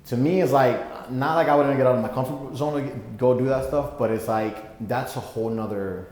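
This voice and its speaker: A man's voice: mid-range voice, brisk, darkish tone. A young man from Puerto Rico, raised in Florida, talking as a guest in a casual interview, rambling with lots of fillers and restarts. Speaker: podcast guest. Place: gym. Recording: echoey room with long reverb.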